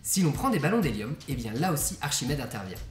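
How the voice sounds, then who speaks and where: A woman's voice: very deep voice, very animated, quick pace, a little mellow. A woman presenting science in a scripted explanatory narration. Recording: roomy echo under music.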